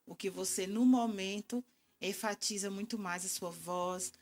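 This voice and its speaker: A middle-aged woman answering interview questions in a calm, reflective, explanatory way. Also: medium pitch, measured pace. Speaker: guest communication expert.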